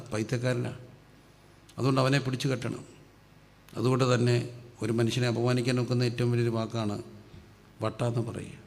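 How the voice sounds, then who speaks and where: A man from preaches, his voice gravelly and held in a flat, narrow pitch. He asks questions and answers them himself, bringing his voice down on each answer. The sound carries a long hall reverb over faint background noise. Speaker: pastor. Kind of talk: sermon.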